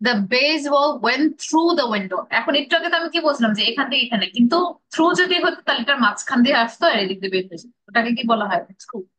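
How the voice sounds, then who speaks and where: A woman's voice: high-pitched, expressive, fast, few pauses, a bit bright, rough recording. A woman with a Bangladeshi accent teaching an English grammar class, drilling pronunciation and mixing English phrases into her explanations.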